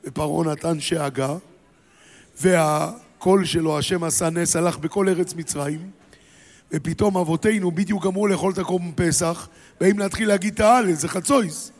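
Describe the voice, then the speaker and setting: A male preacher telling a humorous sermon story in an animated, comic manner that rises into shouts, with a long hall reverb. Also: a little high.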